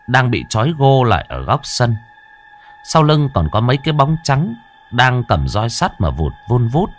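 Dramatic low-voiced male ghost story narrator.

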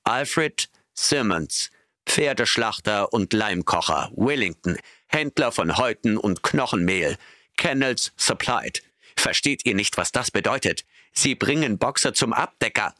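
A man voicing a cynical old male donkey in an audiobook, shouting urgent warnings. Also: lowish voice, expressive, unhurried, no echo, clean studio sound, full character voice. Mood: grim.

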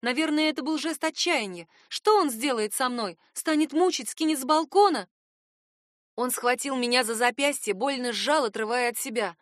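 A woman's voice: sits high, animated, normal speed, hardly any pauses, no room sound, clean studio sound. A woman narrating a first-person audiobook in a tense, dramatic reading.

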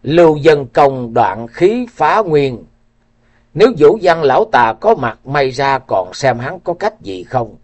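A man's voice: on the high side, sing-song, takes it slowly, full character voice. Man doing an urgent old beggar chief. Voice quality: trembling voice.

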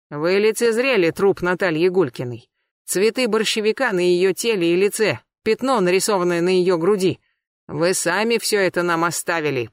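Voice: medium pitch, no echo, natural voice. A reader voicing a cold, cutting police colonel. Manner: cold, cutting, deliberately calm. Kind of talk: audiobook character voice.

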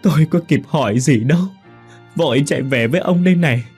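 A man voicing a grieving older peasant mother who wails and sobs loudly. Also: fairly high pitch, fast, slightly rough, faint music behind, pitched above the performer's own voice. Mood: wailing. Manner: loud sobbing wails.

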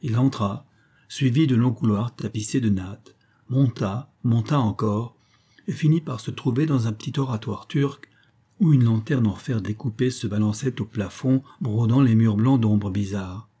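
A man narrating a classic novel in a measured, expressive reading. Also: mid-range voice, husky. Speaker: audiobook narrator.

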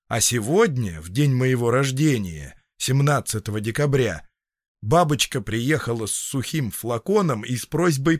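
A man reads a literary story in a measured, expressive voice at a middle pitch. The recording is dry and close, with no room sound. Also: dry recording. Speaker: narrator. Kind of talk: audiobook reading.

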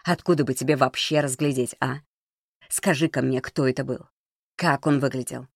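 A cold, mocking young man who talks low and deliberate, with menace under the calm, as a male narrator gives him voice. The sound is close and dry, with no room around it. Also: vocal fry, no echo.

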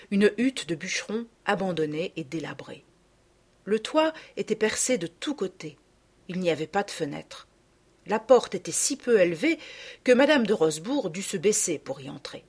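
Woman calmly narrating a children's classic. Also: fairly low pitch, slightly rough.

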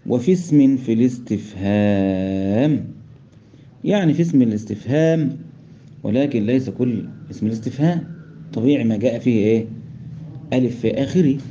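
An Egyptian-accented man teaches recitation rules in an even, mid-pitched voice with a very dark, mellow tone. He explains patiently, tosses questions to his students and breaks into chanted verse quotations. The recording sounds dull and lo-fi. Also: moderate pace, pauses often, a little hiss or hum. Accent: Egyptian Arabic. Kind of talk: classroom lesson on recitation rules.

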